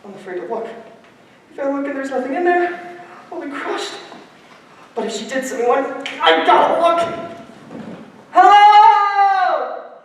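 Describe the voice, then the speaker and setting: A woman's voice: very high voice, animated, unhurried, long pauses, slight background noise. A woman playing an anxious, hapless young boy in a stage musical, talking and singing nervously. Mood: dejected. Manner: nervous, self-doubting, sings between lines. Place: theater stage. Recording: echoey hall from far off, music.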